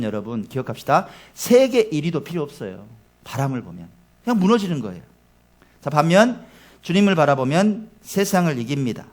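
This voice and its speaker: A male pastor preaching a sermon, exhorting the congregation with emphatic rhetorical questions. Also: mid-range voice.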